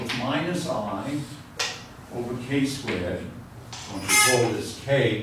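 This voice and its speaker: Captured from far away in an echoey chalkboard lecture room with a noisy backdrop, an older man with a mid-range voice teaches a university physics class. He drifts into anecdotes, cuts himself off, and works equations on the board.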